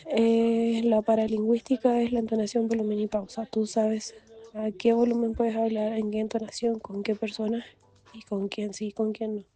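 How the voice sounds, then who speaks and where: Flat, mellow-voiced woman. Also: a little high, moderate pace. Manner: hesitant, with many fillers and "you know" asides. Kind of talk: explaining study material.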